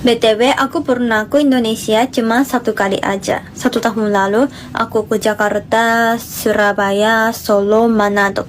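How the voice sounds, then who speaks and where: A woman's voice: on the high side, steady tone, normal speed. A woman from Japan, introducing herself in a friendly, casual way. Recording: noticeable background noise.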